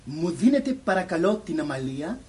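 A man's voice: fairly high pitch, big pitch swings. Brief: cool teasing young suitor , man, faint noise. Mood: cheeky calm. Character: cheeky young suitor after the daughter.

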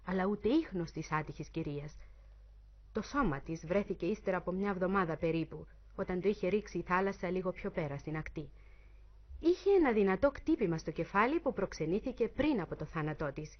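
Expressive woman narrating a suspense story. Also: mid-range voice. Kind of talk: dramatic audiobook narration. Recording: muffled lo-fi recording.

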